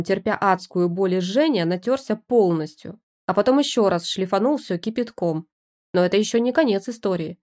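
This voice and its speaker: Woman narrator, first-person story reading, lively, wry. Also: medium pitch.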